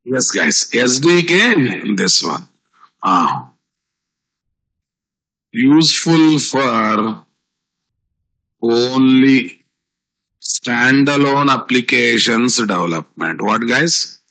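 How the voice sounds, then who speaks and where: Bright-voiced Indian man teaching, Telugu accent. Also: medium pitch, lively intonation, extremely slow, long pauses, rough recording. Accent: South Indian, Telugu. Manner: repetitive teaching with rhetorical questions and tag words. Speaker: software instructor. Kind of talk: live online programming class.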